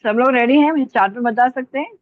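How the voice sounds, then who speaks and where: Woman teacher dictating slowly over a tinny line. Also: a little high, dry recording. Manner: slow, deliberate dictation, spelling out letters. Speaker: Urdu teacher. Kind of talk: online language lesson dictation. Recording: tinny phone-like line, dry.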